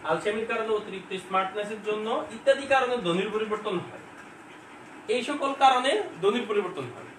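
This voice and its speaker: A man's voice: sits high, fast talker, a bit bright. A man teaching an informal online exam-prep class from home, talking conversationally and often asking questions and answering them himself. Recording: echoey room, far from mic, faint hiss.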